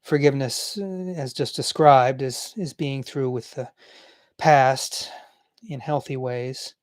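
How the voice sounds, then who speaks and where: A man reading a book aloud cold, stumbling and correcting himself, with halting, reflective pauses when he speaks for himself. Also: mid-range voice, no echo. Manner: stumbling cold read with slips and self-corrections. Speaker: reader and commentator. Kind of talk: cold read-aloud of a book with personal asides.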